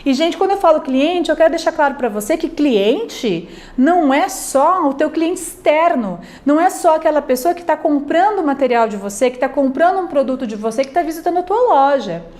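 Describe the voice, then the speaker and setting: Woman, Brazilian Portuguese accent, lecturer, high voice, swooping lively intonation, chatty teaching tone. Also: fairly quick. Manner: conversational teaching, frequent "né?" and "ok?" checks, animated acted examples. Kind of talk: recorded online class lecture.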